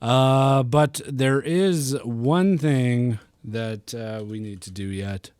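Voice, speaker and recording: A man's voice: mid-range voice, slow pace, a little mellow, clean tone, no echo. A man from Milwaukee hosting a gaming podcast, chatting casually in a joking, rambling way. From Milwaukee, USA. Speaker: podcast host.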